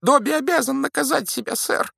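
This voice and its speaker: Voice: a little fast, vocal fry, pushed and bright, no room sound, clean studio sound, exaggerated voice. Dobby the house-elf, male, screechy and near tears. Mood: pleading, humble. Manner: squeaky, wailing, refers to himself by name. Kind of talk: audiobook character voice.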